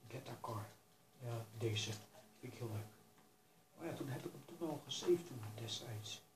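Guy chatting through a racing game, tells himself to stay calm, echoey noisy room. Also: mid-range voice, unhurried. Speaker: gaming YouTuber. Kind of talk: casual gameplay commentary.

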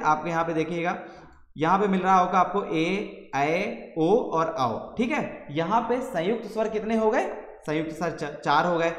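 High-voiced male teacher in an echoey room. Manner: repeats questions to students, then answers them. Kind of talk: exam-prep grammar lecture.

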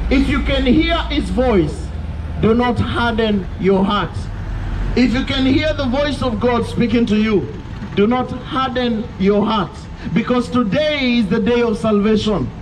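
A Kenyan man with a high voice preaches insistently and repetitively on a roadside pavement beside traffic. He uses a handheld mic fed into a portable speaker, and the open-air preaching is filmed from a distance, with traffic noise throughout.

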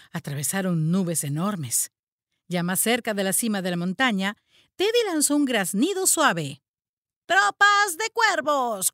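A woman's voice: mid-range voice, no echo, clean studio sound. A woman storyteller reading a children's story aloud in a dramatic, sing-song way.

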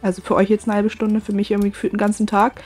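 A young woman giving casual gameplay commentary at home on a USB desk mic, excitable and swearing at the game. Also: mid-range voice, very fast, soft background music. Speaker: gaming YouTuber. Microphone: USB desk microphone.

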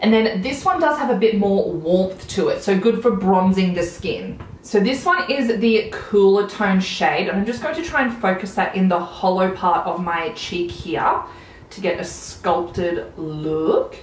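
Applying makeup indoors in a small room at home, an Australian beauty vlogger in her thirties gives chatty, enthusiastic product commentary. She speaks unhurriedly with lively intonation at medium pitch; the rough recording sounds roomy and carries slight hiss or hum.

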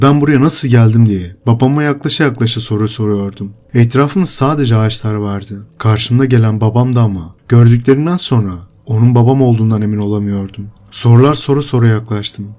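A young man narrates a first-person horror story in a low, subdued way. His voice is dark and mellow, sitting at an ordinary middle pitch. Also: brisk, few pauses.

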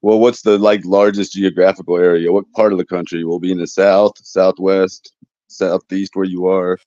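Young guy rambling on his phone stream, low dark voice, dull dry lo-fi sound. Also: flat delivery, normal speed, no echo. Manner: rambling, joking, many fillers. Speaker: livestream host. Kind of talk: casual livestream chat. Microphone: phone close to face.

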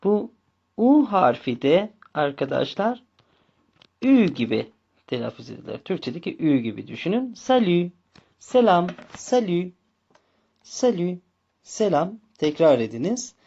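Slow, lively-pitched male language teacher. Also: vocal fry, highs cut off. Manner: slow, repeats words and spells out letters. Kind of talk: slow bilingual language lesson.

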